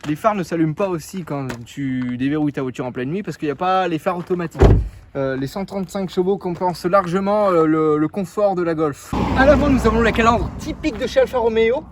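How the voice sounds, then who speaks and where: A man's voice: high voice, animated, a little fast, background noise. A young man casually showing off his car outdoors, joking and rambling with lots of fillers. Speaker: car vlogger.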